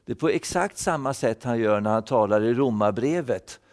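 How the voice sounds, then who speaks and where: A man's voice: mid-range voice, lively intonation, a little mellow, big-room sound. A man giving a thoughtful Bible-teaching sermon, repeating words as he explains. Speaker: preacher.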